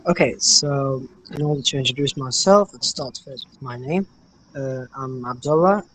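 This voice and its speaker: A young man answers questions over a video call at a middle pitch. He speaks carefully and builds his answers step by step. Faint noise sits under his voice. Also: moderate pace, poor audio. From Morocco. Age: young adult. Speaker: interview guest. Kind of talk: interview answers.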